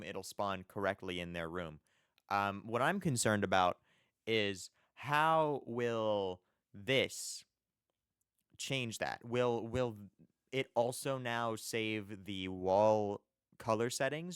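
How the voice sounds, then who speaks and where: A man's voice: lowish voice, fairly bright tone, smooth, no echo, studio quality. A young man casually commenting on a video, thinking aloud with lots of questions and chuckles. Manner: musing, questioning, chuckles often. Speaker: reaction video host.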